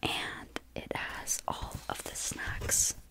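Whispering young woman tasting snacks. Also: slow. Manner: soft whisper with eating sounds; chatty, says like and you know often.

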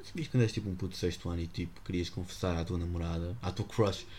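There's a faint hiss or hum as this young host, a teenager with a European Portuguese accent, talks fast in a low, slightly mellow, steady voice. His solo podcast is a jokey ramble sprinkled with English slang.

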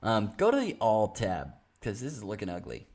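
Joking guy talking football draft picks, lowish voice that bounces around a lot. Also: moderate pace. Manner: joking, playful, animated. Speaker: mock draft co-host. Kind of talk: casual sports chat.

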